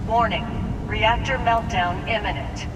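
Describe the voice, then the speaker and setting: A woman voicing a calm female computer that announces a reactor meltdown over a loudspeaker alarm in flat, measured phrases. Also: mid-range voice, noisy background. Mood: urgent calm. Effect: automated alarm over a loudspeaker. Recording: reverberant game audio with loud ambience.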